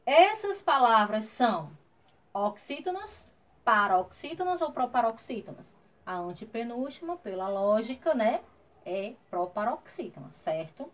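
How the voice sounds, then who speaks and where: Patient schoolteacher, slightly high voice. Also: female voice, big pitch swings, unhurried. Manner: patient, checks in often with "tá?" and "certo?". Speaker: primary school teacher. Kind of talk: recorded grammar lesson for children. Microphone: wearing a face mask.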